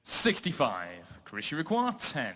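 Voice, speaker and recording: A man working as a darts score caller, announcing scores and legs in a loud, clipped announcer's delivery. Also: mid-range voice, wildly swooping pitch, a little slow.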